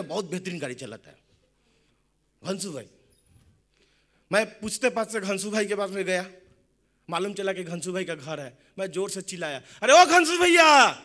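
A young man giving a motivational talk, telling jokes and stories in an animated way. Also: high voice. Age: young adult. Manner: animated, joking storytelling. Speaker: motivational speaker.

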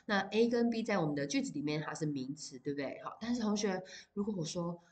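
A woman with a low-pitched voice teaches English vocabulary to high school students. She explains each word patiently in Mandarin, then reads the English example sentences slowly and deliberately. She checks in with the class often as she goes. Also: animated, a little mellow. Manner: addresses students directly with fillers like 好 and 哦. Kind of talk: recorded vocabulary lesson.

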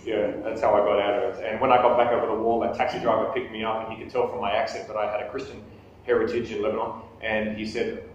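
A man in his thirties with a lowish, level voice talks fast with hardly any pauses, giving a conversational live talk with questions to a small audience. He jokes at his own expense and often restarts sentences. A camera on a table across the small meeting room picks him up, so he sounds distant and very echoey, with faint background noise and the highs cut off.

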